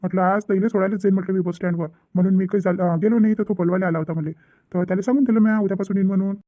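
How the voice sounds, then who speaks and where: A man's voice: high voice, steady tone, very fast, no echo, phone-quality sound, natural voice. A man voicing a worried young village brother who rambles and repeats himself in a cartoon family drama.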